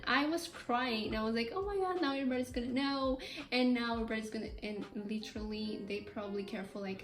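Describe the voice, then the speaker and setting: A woman with a French accent, telling stories and reacting in a casual, exclamatory way. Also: mid-range voice. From France. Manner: animated, exclamatory storytelling. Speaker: host, reacting to a series. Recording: roomy echo, faint background music.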